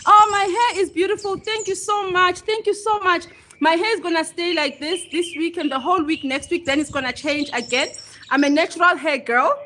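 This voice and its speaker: Bright-voiced South African woman livestreaming. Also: very high-pitched, steady tone, brisk, slight background noise. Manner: chatty, greets viewers by name, laughs often. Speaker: livestream host. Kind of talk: casual livestream chat. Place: outdoors at home.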